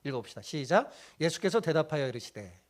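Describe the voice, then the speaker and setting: A middle-aged man preaches to his church congregation in a high voice. His pitch swoops widely as he asks questions and answers them himself. He also acts out the people he quotes. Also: big pitch swings, fast. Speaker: pastor. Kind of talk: sermon. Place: church sanctuary.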